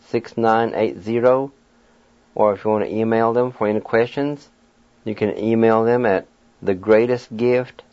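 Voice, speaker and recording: A man's voice: lowish voice, no echo, muffled recording. A man reads community news announcements aloud as a presenter, giving details plainly.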